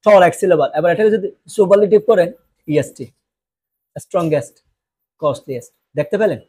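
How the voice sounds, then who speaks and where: A man's voice: high-pitched, a little fast, a little mellow, slightly rough. A Bangladeshi man teaching English grammar in Bengali, who keeps asking questions and answering them himself, with joking asides. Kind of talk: classroom lecture.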